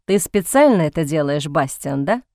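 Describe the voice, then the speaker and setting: A woman's voice: medium pitch, animated, measured pace, dry recording, studio quality, natural voice. A woman voicing a proud, earnest younger brother who speaks in curt, clipped phrases, in a storybook reading. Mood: quiet, tense.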